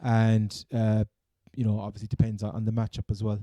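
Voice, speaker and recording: Very mellow Cork-accented man chatting sport. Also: fairly low pitch, completely flat delivery, fairly quick, no room sound, studio quality. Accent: Cork Irish. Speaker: fantasy football podcast host. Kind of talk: casual sports chat.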